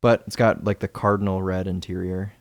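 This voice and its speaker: A man's voice: low-pitched, little pitch movement, brisk, vocal fry. A young man co-hosting a car podcast, chatting casually and spinning exaggerated jokes. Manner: joking, rambling, exaggerating. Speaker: podcast co-host. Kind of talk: casual chat.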